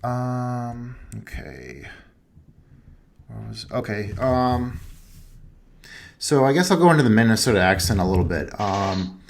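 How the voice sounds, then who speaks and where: A man's voice: mid-range voice, big pitch swings, unhurried, creaky, long pauses, a little hiss or hum. A young man co-hosting a movie podcast, talking in a loose, rambling, chatty way. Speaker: podcast co-host. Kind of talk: casual chat.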